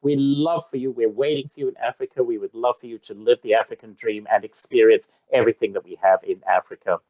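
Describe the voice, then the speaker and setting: A man's voice: mid-range voice, fairly even intonation, quick pace, a little mellow, no echo, lo-fi sound. A man from Zambia giving an enthusiastic, effusive presentation on a video call webinar. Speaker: safari travel presenter.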